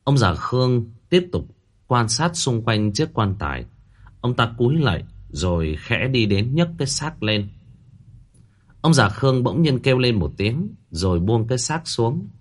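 Husky male storyteller, lively delivery. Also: unhurried. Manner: dramatic, voices characters with swings in pitch. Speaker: narrator. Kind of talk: storytelling narration with acted dialogue.

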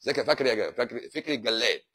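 A husky-voiced Egyptian man, a doctor on a live stream, rattles through viewer questions at a quick clip. He teases and mocks, and his pitch swings widely as he talks. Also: animated, bright, forceful tone. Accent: Egyptian Arabic. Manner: joking, teasing and sarcastic. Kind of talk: casual live Q&A reading viewer comments.

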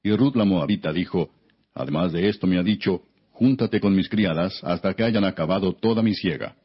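A man narrating scripture as an audiobook in a solemn, measured reading style. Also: low voice, slightly rough. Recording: dull, muffled lo-fi recording.

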